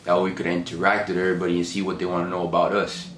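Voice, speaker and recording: A man of twenty-two from Miami, chatting casually as a vlogger and telling stories in a relaxed, rambling way. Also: deep voice, very fast. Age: 20s. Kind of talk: casual chat to camera. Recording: echoey room with background noise.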